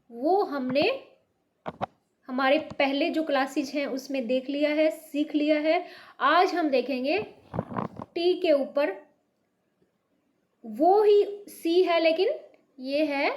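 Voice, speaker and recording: Slow, high-voiced woman teaching Hindi. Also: background noise. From North India. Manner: patient, repeats words slowly with stress. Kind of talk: slow beginner language lesson.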